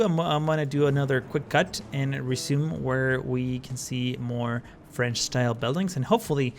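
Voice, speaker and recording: A man's voice: medium pitch, a little hiss or hum. A man giving casual gameplay commentary as the host of his channel, rambling with many fillers and self-corrections.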